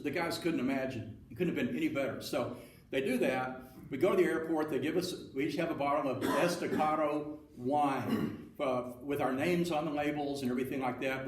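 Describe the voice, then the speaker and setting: Folksy man telling a long story. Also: medium pitch. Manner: folksy, anecdotal, acts out quoted dialogue. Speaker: seminar speaker. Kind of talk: storytelling talk to an audience. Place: meeting room with audience. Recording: roomy room, speaker far from mic, faint noise.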